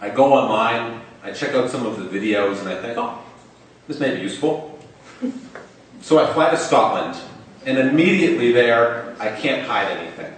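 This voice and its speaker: Speaking at a normal speed in an animated mid-range voice, a young man recounts something personal on a large hall's stage. He stutters visibly, repeating and prolonging the starts of words. The recording is echoey, made with a microphone placed well away from him.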